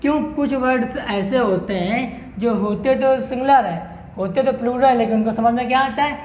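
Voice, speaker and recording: A man's voice: very high-pitched, moderate pace, darkish tone. A male English teacher giving an online lesson, who asks the class questions and answers them himself to drill each point. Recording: roomy echo, dull lo-fi sound, faint hiss.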